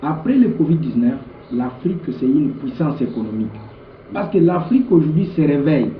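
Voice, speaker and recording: Fairly quick and expressive, with a slightly high voice, a political leader from the Democratic Republic of the Congo answers an interviewer emphatically in a Congolese accent, repeating words. Faint background noise comes through an echoey, muffled recording.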